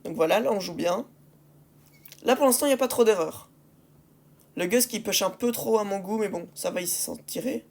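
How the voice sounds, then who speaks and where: A woman's voice: medium pitch, moderate pace, long pauses, darkish tone. A woman giving casual gameplay commentary, exasperated with her teammates and repeating phrases and rhetorical questions for emphasis. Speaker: gaming video creator commentating on match replays.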